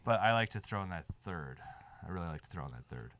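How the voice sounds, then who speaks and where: With loud music behind him, a studio producer talks casually as he builds a beat, walking through music theory one step at a time. His voice is low-pitched and quick, with big swings in pitch.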